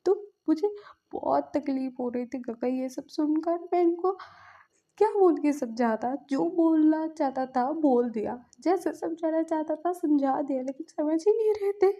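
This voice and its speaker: A woman's voice: sits high, normal speed, warm tone. A woman voicing a distraught young man who pleads tearfully and repeats himself at a sickbed. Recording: dull lo-fi recording.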